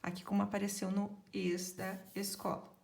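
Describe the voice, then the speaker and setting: A woman's voice: medium pitch, level tone, normal speed, vocal fry, background noise. A woman teacher patiently sounding out letters and syllables in a literacy lesson for children.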